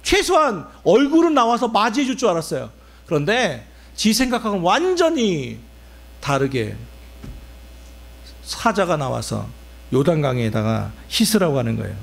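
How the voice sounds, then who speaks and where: A man preaching a sermon in a fairly high voice. His pitch rises and falls widely as he works through the passage. He keeps putting questions to his listeners. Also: creaky. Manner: animated preaching with rhetorical questions to the congregation. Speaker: pastor.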